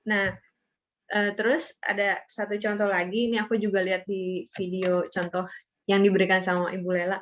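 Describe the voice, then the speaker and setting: A young woman gives a student presentation in a relaxed, conversational way. She fills her speech with hesitations and little tag words. Her voice sits at a middling pitch, and the recording sounds a bit dull and lo-fi. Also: normal speed. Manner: chatty, with many fillers and tag words. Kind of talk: casual explanatory presentation.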